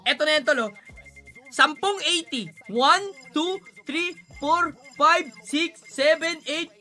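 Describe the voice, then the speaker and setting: A man giving casual gaming commentary, excitable, pleading and shouting at the game as he plays. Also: very high voice, takes it slowly, faint music behind. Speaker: gaming streamer.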